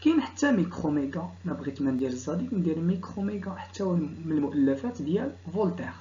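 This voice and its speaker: Moroccan teacher explaining exam questions. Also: male voice, a little high, sing-song, warm tone, highs cut off. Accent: Moroccan Arabic. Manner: reads French questions slowly, then explains quickly in dialect. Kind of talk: exam correction lesson.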